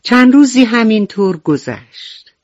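A woman telling a bedtime story for children on the radio, speaking gently and directly to the kids. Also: on the high side, big pitch swings, dry recording, lo-fi sound.

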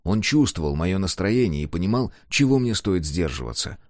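A man narrating an action audiobook in the first person, steady and dramatic. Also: deep voice, moderate pace, no room sound, studio quality.

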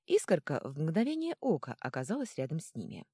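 A woman reading an audiobook in an expressive, scripted narration, voicing every figure herself. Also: sits low, brisk, breathy edge, dry recording, clean studio sound.

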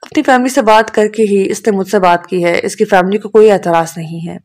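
A woman reading the lines of a serious, earnest young woman in a storybook, speaking quietly and a little defensively. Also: mid-range voice, natural voice. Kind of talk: audiobook dialogue reading.

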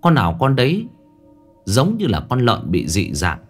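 A man narrating a ghost story in a lively, dramatic storytelling manner. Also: medium pitch, moderate pace, breathy edge. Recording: faint background music.

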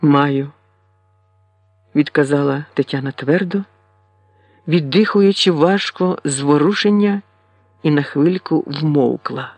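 Slow, measured male storyteller. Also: fairly high pitch, no echo. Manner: measured, expressive reading. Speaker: audiobook reader. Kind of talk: scripted narration of a classic novel.

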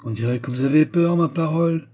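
A man's voice: on the high side, a little fast, dark tone, voice pushed up, lightly acted. A man reading aloud voices a brusque, mocking male estate steward who talks down to a frightened young man. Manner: brusque, sneering, menacing.

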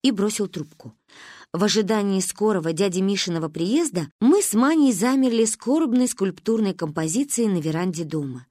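A woman reading an audiobook aloud in an expressive, storytelling manner, narrating as a little girl. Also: mid-range voice, no room sound, clean studio sound. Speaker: audiobook reader.

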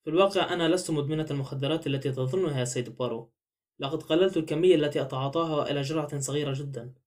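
A man reading the part of a weary, troubled young woman in an audiobook, soft and subdued. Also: a little high, very fast, close to an everyday voice. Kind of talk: audiobook character voice.

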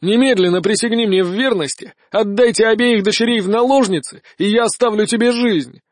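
A man voicing an arrogant young male usurper prince who shouts loudly and brashly. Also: high voice, brisk, no echo, studio quality, pitched above the performer's own voice. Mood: gloating.

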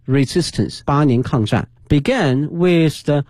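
A man's voice: a little high, takes it slowly, darkish tone, no room sound, clean studio sound. A man hosting a radio English lesson, patiently explaining words and spelling them out letter by letter. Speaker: radio host teaching English. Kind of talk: bilingual vocabulary lesson.

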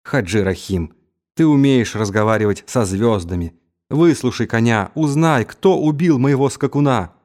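A man's voice: mid-range voice, normal speed, a little mellow, close to an everyday voice. A man doing a drunken raging khan. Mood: wild, drunken. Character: drunken, raging young Mongol khan, suspicious.

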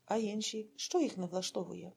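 A woman reading an audiobook and voicing a zealous male secret-police officer who speechifies until he is hoarse. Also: medium pitch, normal speed. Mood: probing. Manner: fiery speechmaking, rising to shouts.

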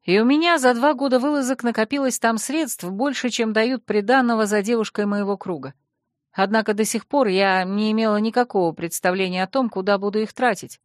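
A woman narrating a first-person fantasy audiobook in a measured, expressive reading. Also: fairly high pitch, dry recording, clean studio sound.

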